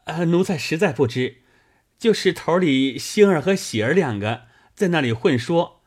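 A man's voice: fairly high pitch, animated, normal speed, breathy edge. Man voicing a timid male servant, evasive, hesitant, pleading, audiobook dialogue. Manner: hesitant, pleading, with filler sounds.

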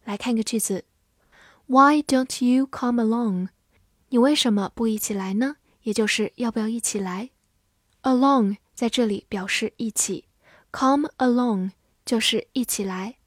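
Slow, careful woman teaching vocabulary. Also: a little high, no room sound, clean studio sound. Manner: slow, deliberate spelling and repetition of words. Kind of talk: scripted vocabulary lesson.

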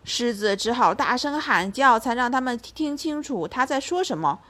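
A woman, a mother, telling a story to her child in a lively, expressive way. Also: on the high side, moderate pace.

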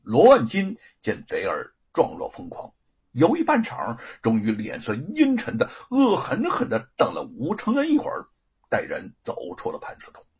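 A man narrating a serialized story in a dramatic, expressive reading, in a dull lo-fi recording. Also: medium pitch, moderate pace, slightly rough.

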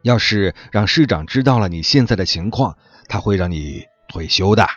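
A man doing a gentle old repairman. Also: on the low side, animated, normal speed, muffled recording, soft background music. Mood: reassuring. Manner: soothing, reassuring. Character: kind older male repairman, calm and caring.

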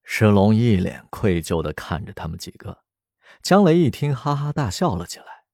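Male audiobook narrator, low voice, lively pitch, dry close sound. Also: normal speed, gravelly, no echo.

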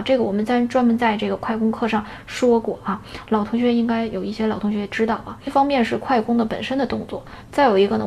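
A woman teaching an erhu lesson in a casual, step-by-step way, often checking in with a quick question. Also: on the high side, creaky, a little mellow, slight background noise. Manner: explains step by step with tag questions.

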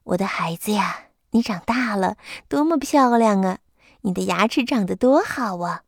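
A woman's voice: medium pitch, expressive, moderate pace, dry recording, studio quality, pitched below the performer's own voice. A woman voicing a doting, fussing mother crocodile in a storybook reading. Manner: fussing, coaxing.

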